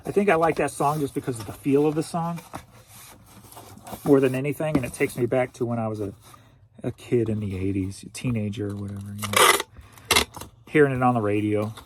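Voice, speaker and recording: A St. Louis, Missouri man in his forties, an online reseller, jokes goofily to himself while packing orders. His medium-pitched voice runs a little fast with fairly even intonation and long pauses. The recording is very noisy.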